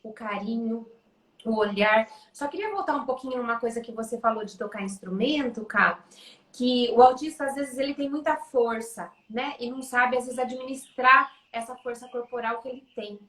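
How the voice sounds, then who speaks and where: A Brazilian woman, a music educator, explains things gently and often checks in with "né?". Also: a little high, normal speed, reverberant, rough recording. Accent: Brazilian Portuguese. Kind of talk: casual conversation.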